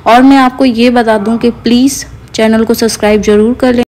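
Casting: woman vlogger, friendly voice-over, flat pitch, faint background noise. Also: normal speed. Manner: chatty, addresses viewers as guys. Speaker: vlogger touring a garment factory. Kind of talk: casual vlog narration. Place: voice-over recorded apart from the noisy factory.

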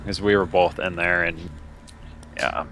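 Man, very deep voice, gaming callouts and swearing, game noise behind. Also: steady tone, fairly bright tone. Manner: quick reactions, frequent swearing. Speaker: gamer playing with friends. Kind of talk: casual gaming chat. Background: game sounds.

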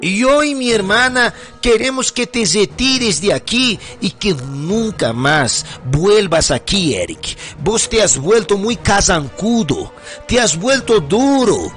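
A man's voice: high-pitched, lively intonation, takes it slowly, a bit bright, exaggerated voice. A man voicing an angry pregnant young wife who orders her husband out of the house, with music behind. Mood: scolding.

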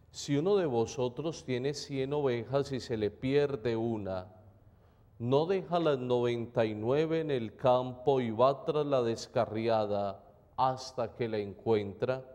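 Priest, slow, cathedral echo. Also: male voice, medium pitch, darkish tone. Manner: slow, measured, solemn reading. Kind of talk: liturgical gospel reading and homily. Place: large church during Mass. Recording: long church reverb.

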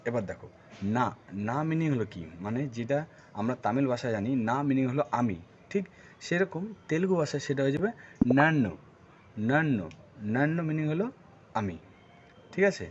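A man from Bengal teaches a casual video language lesson. He says each word slowly several times and keeps checking in with the viewer. The recording is dull and lo-fi, with a faint hiss behind it. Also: medium pitch, lively intonation, a little mellow. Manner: repeats words slowly with many check-ins.

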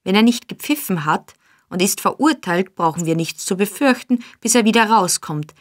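A woman reading an audiobook, voicing a sly old male gang boss who talks in a coaxing, flattering way. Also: mid-range voice, normal speed, close to an everyday voice.

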